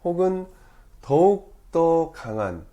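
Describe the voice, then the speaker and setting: Mellow-voiced male priest teaching calmly. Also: lo-fi sound. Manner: measured, often rephrasing and correcting himself mid-phrase; stresses key words with sudden rises in pitch and loudness. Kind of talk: explanatory teaching talk.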